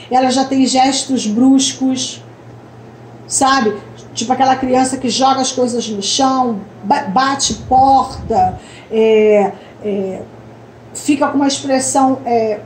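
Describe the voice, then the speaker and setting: High-voiced woman coach in an echoey room. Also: darkish tone. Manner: explanatory, frequent tag questions. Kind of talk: online coaching lesson. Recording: echoey room, faint background noise.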